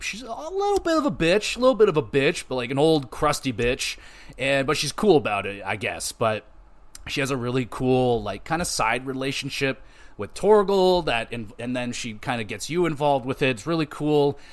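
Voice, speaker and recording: Male podcast host, casual and profane, rambling game review full of fillers, mid-pitched voice. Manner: loose, profane and animated, with many fillers and restarts.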